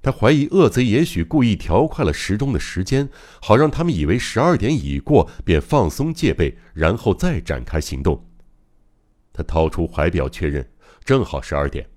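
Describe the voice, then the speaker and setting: A man's voice: sits low, very animated, normal speed, darkish tone. A man narrating a mystery novel as an audiobook, in a dramatic, suspenseful reading. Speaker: audiobook reader.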